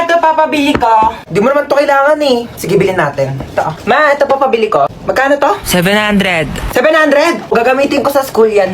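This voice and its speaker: A woman acting out comic family skits, playing every role herself and switching quickly between characters, with bursts of shrieks and laughter. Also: fairly high pitch, background noise. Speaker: comedy skit performer. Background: music.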